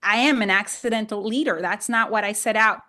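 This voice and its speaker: A middle-aged Honduran woman, a native Spanish speaker, appears as a podcast guest and land investor, talking conversationally and often repeating or rephrasing her points. Her mid-range voice is fairly quick with a sharp tone.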